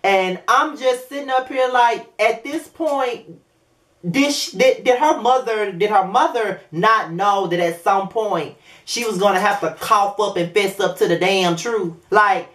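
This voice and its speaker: A man's voice: high-pitched, a little slow, fairly bright tone. Profane, rambling man in his twenties. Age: 20s. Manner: blunt, profane, rambling with many fillers. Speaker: video reviewer. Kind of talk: casual vlog review. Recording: roomy echo.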